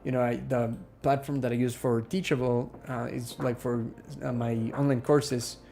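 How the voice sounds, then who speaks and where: A man's voice: medium pitch, little pitch movement, normal speed, gravelly, dark tone. A man from Ecuador hosting a casual live stream Q&A, chatting with viewers, reading their questions aloud and using lots of fillers.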